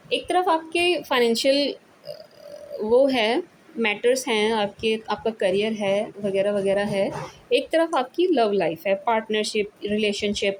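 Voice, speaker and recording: A talkative woman with an Indian accent reads tarot cards in a relaxed, conversational way, slipping English phrases into her speech. Her voice sits a little high. A faint hiss of noise runs under the recording. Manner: chatty, mixes English into Hindi, repeats "theek hai ji". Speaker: tarot reader. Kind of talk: casual tarot reading monologue.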